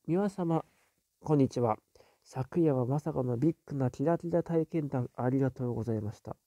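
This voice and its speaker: A man hosting a casual live stream, reading viewer comments aloud and musing on them with soft little fillers. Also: medium pitch, no echo.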